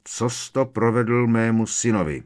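A man voicing a bullying, angry middle-aged uncle who growls and booms threats. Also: lively intonation, a bit bright. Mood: threatening.

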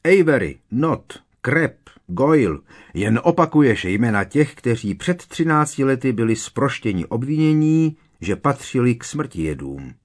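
A blustering middle-aged minister, as a man reads him aloud in an audiobook, indignant and defensive, pushing his voice up and louder. The tone sounds low and somewhat husky underneath. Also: expressive. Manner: agitated, indignant, raised voice. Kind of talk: audiobook character reading.

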